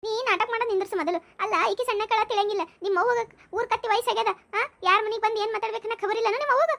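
A domineering old matriarch, voiced by a woman, lays down the law in a North Karnataka accent. She lectures quickly, in a firm voice pitched below the other figures. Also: fairly bright tone. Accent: North Karnataka Kannada. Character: bossy old matriarch of the house.

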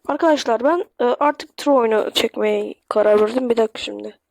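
A woman's voice: on the high side, brisk, creaky, noisy background. A woman giving chatty let's-play commentary to her viewers, swearing when flustered. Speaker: gaming YouTuber. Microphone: phone screen recording.

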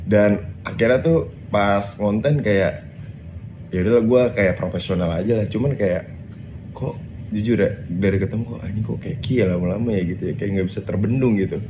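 A man's voice: lowish voice, normal speed, dark tone, slight background noise. A man, a content creator, casually explaining a feud in blunt, defiant slang. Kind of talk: casual video clarification.

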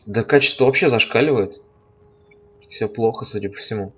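A man's voice: mid-range voice, moderate pace, a bit bright, husky, dull audio. A man giving live commentary on a fighting game stream, as a stream commentator. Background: game music and sound.

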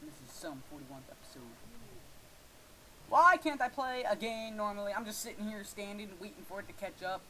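A young man giving casual let's-play commentary, excitable and swearing, yelling at his game. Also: sits high, moderate pace, a little hiss or hum, rough recording. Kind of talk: gaming commentary.

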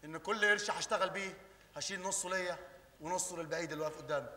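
A man's voice: high voice, rapid-fire, pushed and bright. An actor playing a brash, scheming young man with an Egyptian accent in a stage comedy, teasing and bossing his friend. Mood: farewell. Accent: Egyptian Arabic. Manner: teasing, bossy. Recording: echoey stage, heard from a distance.

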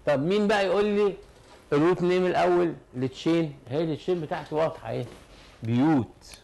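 Gravelly, fast-talking Egyptian teacher. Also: male voice, on the high side, a little mellow. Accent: Egyptian Arabic. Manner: explains step by step, asks and answers his own questions. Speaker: chemistry teacher. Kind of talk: classroom lesson.

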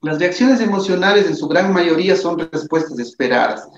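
A man's voice: on the high side, animated, moderate pace. Tired-voiced man teaching, echoey room. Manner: earnest, repeats himself, asks "¿de acuerdo?". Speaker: psychologist giving a lesson. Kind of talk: recorded lecture over slides. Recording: echoey room, dull lo-fi sound.

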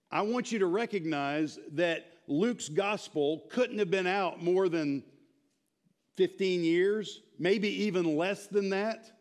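A man in his thirties teaching a church class in an animated, informal way, quizzing the group. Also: high voice. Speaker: Bible teacher. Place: church sanctuary, speaking to a small audience.

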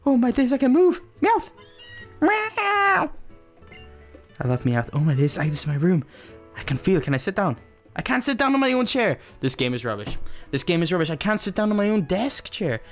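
A man giving excited let's play commentary, giggly and full of exclamations. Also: high voice, fast, faint music behind.

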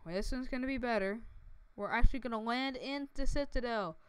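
A woman giving casual, excitable commentary over her own gameplay, breaking into sudden dramatic outbursts, speaking into a headset mic. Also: a little high, a little fast, clear, resonant tone, dry recording. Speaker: gaming video creator. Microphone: headphones with mic.

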